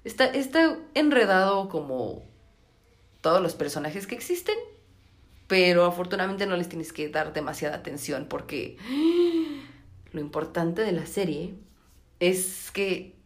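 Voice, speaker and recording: A woman's voice: fairly low pitch, normal speed. A young woman with a Mexican accent who has just woken up, chatting animatedly and using lots of slang on her podcast. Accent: Mexican Spanish. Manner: animated, slangy, gasps and exclaims. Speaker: podcast host. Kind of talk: casual chat, series review.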